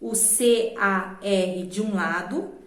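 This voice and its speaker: A woman with a Brazilian Portuguese accent teaching a children's grammar lesson, patiently slowing down to spell out letters and syllables. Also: medium pitch. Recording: echoey room.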